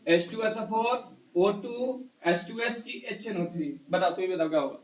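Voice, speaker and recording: A male chemistry teacher in a live class, quizzing students one by one and hushing the noisy ones. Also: sits high, moderate pace. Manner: quizzes students one by one, scolds and hushes them. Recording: echoey classroom.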